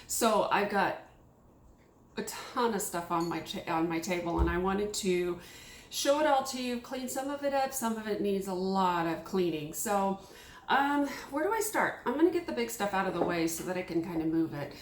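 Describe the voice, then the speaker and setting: A woman chatting casually about her thrift finds, rambling and excitable with lots of fillers, at a table at home. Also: mid-range voice, moderate pace, echoey room, slight background noise. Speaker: thrift haul vlogger. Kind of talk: casual chat. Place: small home room at a table.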